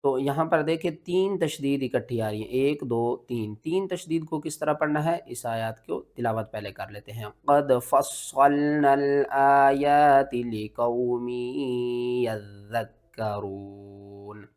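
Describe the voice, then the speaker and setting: A man teaching Quran recitation, spelling each word letter by letter before reciting it in a slow, drawn-out way. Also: medium pitch, animated, a little mellow. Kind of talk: step-by-step spelling and recitation lesson.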